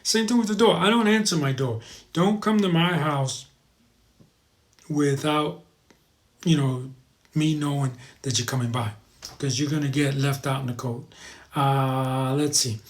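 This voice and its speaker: This man hosts a casual livestream, reading viewer comments and chatting informally with them, calling them "guys." His voice sits at a medium pitch, and he speaks unhurriedly with frequent pauses, rambling and repeating his advice for emphasis.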